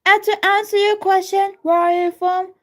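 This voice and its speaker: A Turkish woman, a native Turkish speaker with a Turkish accent, chats casually on a live stream in a very high-pitched voice at a moderate pace. She's excitable and greets viewers by name.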